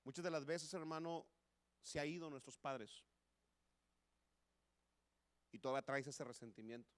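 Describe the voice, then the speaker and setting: A man's voice: mid-range voice, normal speed, no room sound. A man with a Mexican Spanish accent preaching a sermon in church, impassioned and repeating "hermano" again and again. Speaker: pastor. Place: church sanctuary.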